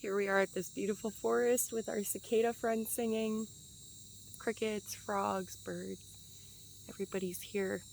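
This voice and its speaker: A woman's voice: medium pitch, flat delivery, measured pace, gravelly, a little mellow, slight background noise, rough recording. A woman in her twenties giving a casual spiritual teaching outdoors in a forest, chatty and meandering, with fillers and light laughs.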